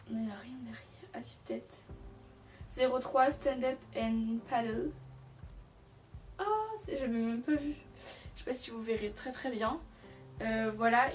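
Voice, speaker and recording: A young woman chatting casually through a shopping haul, rambling with many fillers and restarts. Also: fairly high pitch. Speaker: beauty vlogger. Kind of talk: casual haul video chat. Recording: distant from the mic, music behind. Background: music.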